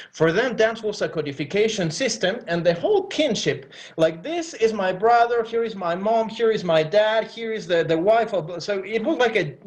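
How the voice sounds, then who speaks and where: A man giving an academic presentation over a video call, explaining ideas as he thinks aloud. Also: fairly high pitch.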